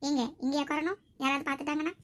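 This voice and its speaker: A woman performing several village characters in a comedy skit, bantering and scolding quickly. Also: high voice, steady tone. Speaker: sketch performer.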